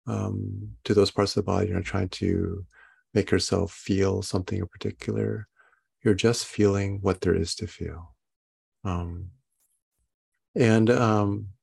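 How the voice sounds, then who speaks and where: A man leads a guided meditation at a very slow, unhurried pace. His voice is fairly low, with a gravelly creak in it. He speaks calmly and haltingly, leaving long pauses as he gives simple instructions. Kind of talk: guided body scan meditation.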